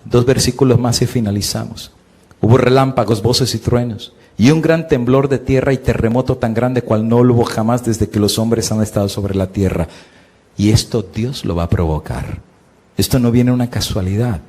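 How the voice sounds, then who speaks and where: A middle-aged male pastor with a husky voice, preaching a sermon with big swings in pitch and volume, asking his listeners questions and answering them himself. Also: normal speed, darkish tone. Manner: preaching with sweeping rises and drops in pitch and volume.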